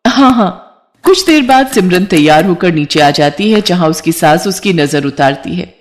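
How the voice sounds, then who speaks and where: A woman narrating a scripted moral story in an even storytelling manner. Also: fairly low pitch, moderate pace.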